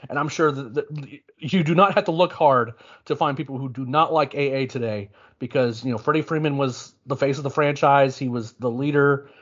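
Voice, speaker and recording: A man co-hosting a sports podcast, talking casually and thinking aloud with frequent restarts. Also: a little high. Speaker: podcast co-host. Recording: muffled lo-fi podcast audio.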